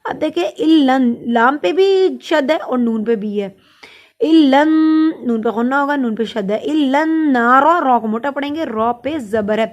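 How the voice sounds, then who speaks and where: A woman teaching tajweed step by step, explaining each sound before reciting it slowly and drawn out. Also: a little high, animated, a little mellow. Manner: patient, step-by-step. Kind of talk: tajweed lesson with slow recitation.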